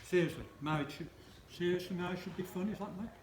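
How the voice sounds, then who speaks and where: This man, in his seventies, talks fast in a voice that sits high. He is delivering a wedding speech laced with dry self-deprecation and playful jabs at the bride and groom, recorded in a spacious hall with a little background noise.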